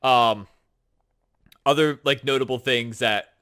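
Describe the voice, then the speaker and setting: Excitable man with a bright voice. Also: mid-range voice, takes it slowly, clean tone. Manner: excitable, rambling with many fillers. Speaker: podcast co-host. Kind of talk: casual chat.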